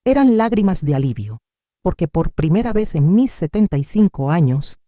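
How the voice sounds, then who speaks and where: A woman's voice: fairly low pitch, big pitch swings, moderate pace, dark tone, no echo, studio quality. A woman narrating a first-person dramatic story as an elderly mother of seventy-five. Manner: dramatic, emotional reading. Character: woman of 75 telling her own story.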